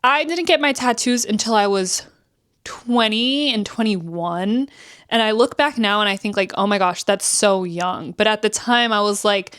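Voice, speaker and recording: A woman in her twenties from New Jersey chats candidly to the camera in a casual vlog, acting out quotes with swings in pitch. Her voice is smooth, a bit bright, and a little slow.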